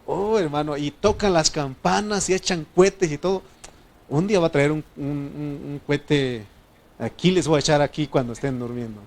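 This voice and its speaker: Mexican pastor guy preaching, kinda high voice, loud bits then quiet asides. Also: moderate pace. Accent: Mexican Spanish. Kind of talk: sermon.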